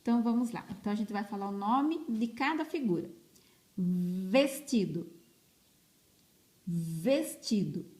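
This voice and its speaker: A teacher gives children an early literacy lesson, stretching words out slowly and repeating each syllable with emphasis. Her voice is fairly high. It was recorded on a phone.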